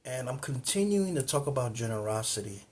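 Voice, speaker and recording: A man's voice: medium pitch, big pitch swings, a little fast, a little mellow. A man hosting his own cultural video channel, telling a personal story in a casual, rambling way, with many repeats and restarts, recorded indoors facing the camera.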